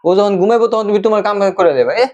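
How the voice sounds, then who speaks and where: A man's voice: sits high, very fast, a little mellow. A man playing a mocking, dismissive husband in a family quarrel skit. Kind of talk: acted domestic quarrel skit. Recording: dull lo-fi sound.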